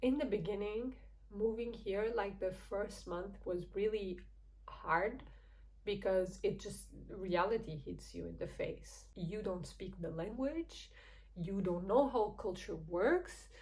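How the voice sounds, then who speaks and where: A young woman from Portugal talks slowly to camera in Portuguese-accented English, telling a personal story for her channel. Her medium-pitched delivery is chatty and open, peppered with soft laughs, on a low-quality recording.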